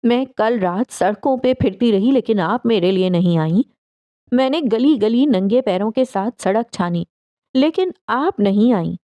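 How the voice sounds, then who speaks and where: A woman voicing an enraged young woman who shouts and bites out her words at her mother. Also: on the high side, expressive, dry recording, natural voice. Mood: furious. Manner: shouting, then cold and biting.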